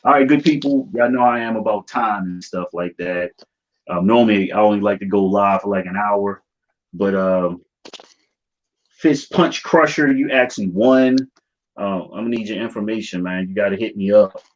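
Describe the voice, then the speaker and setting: Low-voiced American man hosting a casual stream. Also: steady tone, brisk. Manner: slangy, informal. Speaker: livestream host of a YouTube channel. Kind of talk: casual livestream chat. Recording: dull, lo-fi stream audio.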